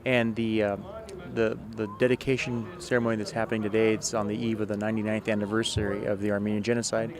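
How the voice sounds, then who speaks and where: A man in police service answers questions outdoors at a memorial event. He talks quickly but stays composed, laying out his points in measured statements. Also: on the low side, level tone, a crowd in the background. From United States. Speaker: police lieutenant.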